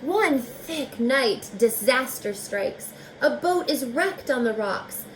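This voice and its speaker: With slight background noise behind her, a woman teacher reads a picture book to children in a high, expressive voice. She takes her time, phrasing slowly and deliberately, and keeps breaking off to chat directly with the young audience.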